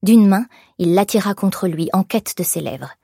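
Woman narrator with a husky mellow voice. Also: mid-range voice, expressive, moderate pace, no room sound, studio quality. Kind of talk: scripted narration of a novel.

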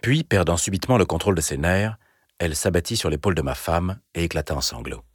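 A man narrating a story in the first person, in a measured, deliberate way. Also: sits low, expressive, husky, no room sound, clean studio sound. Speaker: audiobook narrator.

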